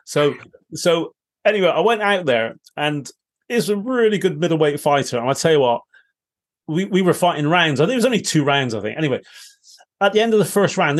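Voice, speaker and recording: Host: man, fairly high voice, very lively pitch, chatty storyteller. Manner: animated anecdotes, laughing, mimicking voices. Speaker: interviewer. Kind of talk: casual chat.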